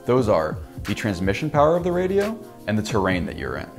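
A young adult man, a company presenter, explains radio range in a scripted product explainer. His lowish voice is brisk, clear, even, and informative. A music bed plays underneath.

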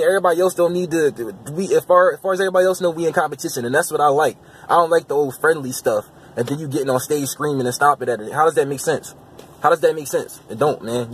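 A young man giving casual commentary to his viewers, with loose, repetitive slang, getting louder and higher as he argues. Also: slightly rough. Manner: loose, repetitive slang, rising heat when arguing. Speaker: vlogger.

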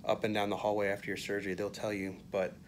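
A man in his thirties giving a casual, conversational video update to camera, speaking haltingly into a phone at arm's length. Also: lowish voice, monotone. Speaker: vlogger, patient. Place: small hospital room, indoors. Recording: phone audio with faint room noise.

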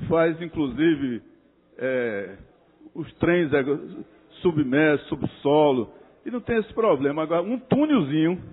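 A man, a city councilor giving a formal, critical speech to colleagues with halting restarts and Your Excellency address. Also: fairly high pitch. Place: council chamber. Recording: reverberant chamber over a tinny narrow-band feed.

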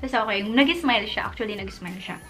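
A woman's voice: mid-range voice, fast talker, pushed and bright, faint music behind. A young Filipino woman with a Filipino accent, a beauty vlogger chatting casually and animatedly through a personal story, with plenty of fillers. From Philippines.

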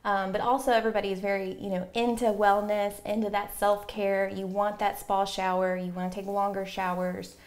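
A woman in her forties explains plumbing fixtures for a TV segment, confident and chatty. She pauses with fillers as she goes, and her voice sits at a medium pitch. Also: flat delivery. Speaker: plumbing supply rep. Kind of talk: product explanation in a TV interview. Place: inside a home bathroom.

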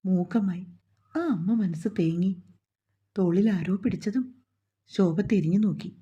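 Dark-voiced woman narrating a story. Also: lowish voice, unhurried, breathy edge, highs cut off.

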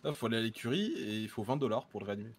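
A man playing a patient, helpful townsman in a western roleplay. His voice is a touch low and he talks quickly. He hesitates often, filling gaps with 'euh'. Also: natural voice. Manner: hesitant, many 'euh' fillers. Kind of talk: in-character roleplay.

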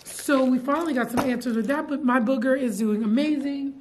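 A young woman, a teacher chatting casually to camera in her classroom, animated and full of fillers. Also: high voice, fairly quick, noisy background. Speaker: middle school science teacher. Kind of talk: casual vlog chat. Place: classroom, indoors.

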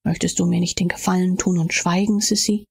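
A woman reading an audiobook, voicing a curt, impatient young man who talks in a brisk, clipped way. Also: on the low side, level tone, vocal fry, breathy edge, exaggerated voice.

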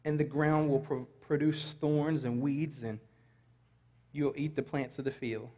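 In a vast church sanctuary, a middle-aged male pastor delivers a sermon in a mellow, mid-range voice, keeping his intonation fairly even and his pace measured. Between scripture readings he adds light remarks to the congregation, all echoing with long hall reverb.

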